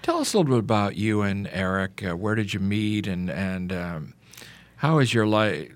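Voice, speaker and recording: Low-voiced male radio host. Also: animated. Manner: friendly, halting questions. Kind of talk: radio interview.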